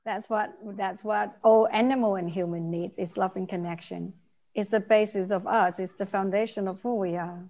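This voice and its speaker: A woman's voice: mid-range voice, steady tone, moderate pace, creaky, darkish tone. Earnest woman from Vietnam, repeating phrases. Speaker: interview guest, nonprofit founder. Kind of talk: interview answers.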